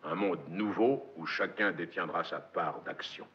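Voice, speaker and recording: An actor playing a domineering, messianic corporate magnate in a film monologue, with hammy, theatrical stage declamation and a gravelly voice. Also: male voice, deep voice, measured pace, fairly bright tone. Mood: hushed, evangelical. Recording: dull, echoey film soundtrack.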